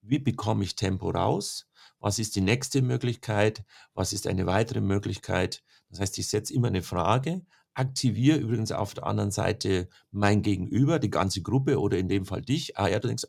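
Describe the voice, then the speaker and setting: A man's voice: fairly low pitch, creaky, husky. A man working as a speaker coach, explaining his points in an interview and often ending with a questioning "ne?". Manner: lively explaining, tag questions. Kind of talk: interview answers.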